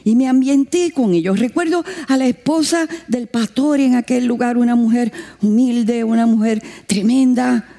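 A woman's voice: moderate pace, few pauses. A woman preaching a sermon, telling a missionary story and acting out the voices in it. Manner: lively, acts out quoted voices with big pitch jumps.

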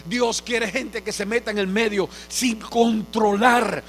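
A pastor from Cuba preaching a sermon, telling stories earnestly and building to fervent proclamation. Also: male voice, high voice, steady tone, slow pace, fairly bright tone, faint music behind.

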